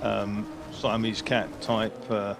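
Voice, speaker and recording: A man working as a motorsport co-commentator, adding measured, hesitant analytical asides to live race commentary. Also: on the low side, flat delivery, vocal fry. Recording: noisy trackside outdoor sound, vehicles behind.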